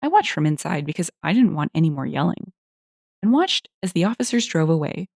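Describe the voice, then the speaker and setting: A woman tells internet stories in a casual, animated way, and her pitch moves a lot. Her voice is lowish, with a gravelly grain. The recording is close and dry. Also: brisk, no room sound. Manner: animated and expressive. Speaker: story narrator. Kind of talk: casual storytelling narration.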